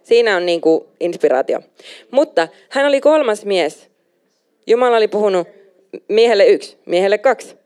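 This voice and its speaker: Animated woman preaching a sermon. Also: mid-range voice, clear, resonant tone. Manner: animated, emphatic, mixes in English phrases.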